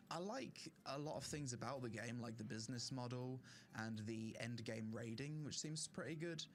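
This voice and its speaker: Casual man ranking games, strained throat. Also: mid-range voice. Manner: opinionated, casual, with fillers. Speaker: gaming streamer. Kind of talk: casual tier-list commentary.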